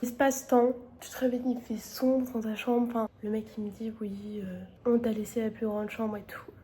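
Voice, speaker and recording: A woman's voice: fairly high pitch, flat delivery, normal speed, dark tone, a little hiss or hum. A woman in her twenties, a student, chatting bluntly and casually in a vlog with lots of slang. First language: French. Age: 20s. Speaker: student vlogger.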